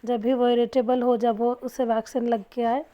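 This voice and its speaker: A young woman narrating a family vlog as a new mother, coaxing her baby with soft baby talk. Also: on the high side, flat delivery, moderate pace, dull audio.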